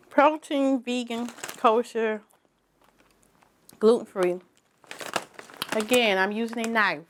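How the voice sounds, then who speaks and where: A woman's voice: fairly high pitch, noisy background. A woman chatting casually on a snack review vlog, tasting as she talks and restarting her sentences. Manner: chatty, tasting food while talking, trailing restarts. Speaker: vlogger.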